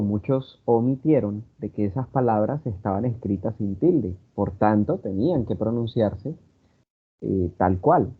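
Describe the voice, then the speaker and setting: A man with a Colombian Spanish accent lectures an online class at a mid-range pitch. He explains step by step, filling pauses with "eh" and checking in with the students. The sound is thin and phone-like, as from a video meeting. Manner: explanatory, with many fillers and tag questions. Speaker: teacher. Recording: tinny phone-like meeting audio.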